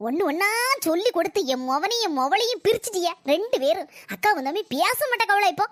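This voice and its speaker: A woman plays a sarcastic, complaining older mother-in-law in a cartoon comedy, her voice pitched very high and rattling along quickly. She scolds and pities herself in the same breath, and the sound is dry and close. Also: animated, no room sound. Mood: angry. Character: nagging self-pitying older mother-in-law.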